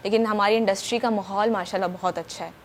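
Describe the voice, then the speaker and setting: A woman's voice: mid-range voice, steady tone, a little hiss or hum. A young woman from Pakistan, a voice-over artist, chatting eagerly in a morning show interview with many fillers. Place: TV studio.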